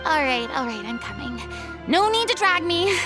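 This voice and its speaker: A woman's voice: sits high, big pitch swings, normal speed. An actress playing a proud, theatrical young woman in a video game who stammers when flustered. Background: game music.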